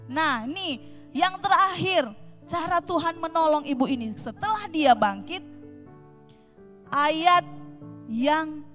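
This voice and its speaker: Woman, Sunday school teacher, high voice, slow unhurried delivery, lively storytelling for kids, asks the children questions. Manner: animated, addresses children directly with questions; acts out short quoted lines in the story.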